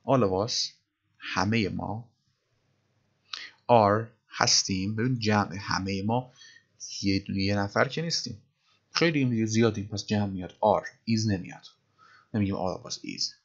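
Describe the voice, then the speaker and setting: A man with a fairly low voice teaches grammar in a relaxed, conversational way. He stops to read English phrases slowly and with weight on each word. The recording sounds a little dull and lo-fi. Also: vocal fry. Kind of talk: casual grammar lesson in Persian.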